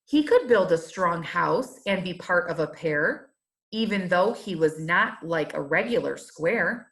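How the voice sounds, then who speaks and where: With a voice on the low side, a woman gives a rhyming picture book a measured, expressive reading in the style of a teacher.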